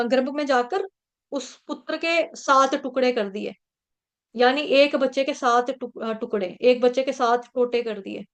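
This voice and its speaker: A woman telling a scripture story in a devotional class, explaining it plainly and now and then chanting Sanskrit verses slowly. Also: high-pitched. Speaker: scripture teacher.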